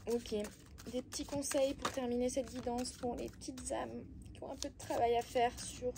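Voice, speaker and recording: A woman's voice: on the high side, level tone, normal speed, creaky, noisy background. Belgian woman giving frank card guidance. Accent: Belgian French. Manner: talks straight to viewers, coaxing and blunt, with frequent hesitations. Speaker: oracle card reader. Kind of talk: casual spiritual card-reading guidance.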